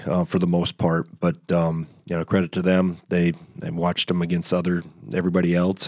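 A middle-aged man, a head coach, breaking down a game at a postgame press conference in a measured, analytical way. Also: low-pitched, dry recording. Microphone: table mic.

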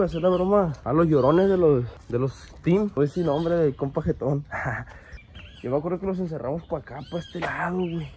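A man's voice: a little high, a little mellow, a little hiss or hum. A young man vlogging outdoors on his phone, rambling in slang and sounding half asleep. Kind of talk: casual vlog. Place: outdoors at a cemetery. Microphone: handheld phone camera.

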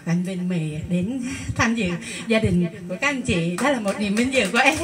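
A woman's voice: medium pitch, lively intonation, moderate pace, over music. A woman singer telling a funny story to a livestream audience, chatty and laughing often as she acts out the voices. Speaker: guest singer.

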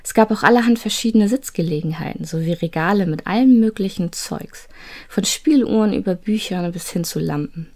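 A woman narrating a children's advent story in a calm, measured reading voice. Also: mid-range voice.

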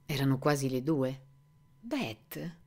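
A woman reads a novel aloud in a low, deep voice that rises and falls with lively swings. Her delivery is expressive and dramatic, shaping every sentence. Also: normal speed. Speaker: reader.

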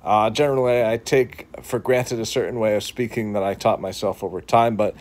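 A Boston man in his thirties with a New England accent sits on his living room couch, earnestly addressing the phone camera he holds at arm's length for a reflective vlog, often restarting and using fillers. His voice is lowish, steady, brisk, and slightly mellow.

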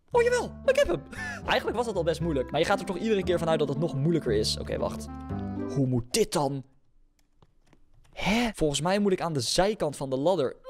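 A young man with a Dutch accent giving casual commentary on his own gameplay, chatty and reacting out loud with yelps and repeated words. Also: on the high side. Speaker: gaming YouTuber. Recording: music clearly under the voice.

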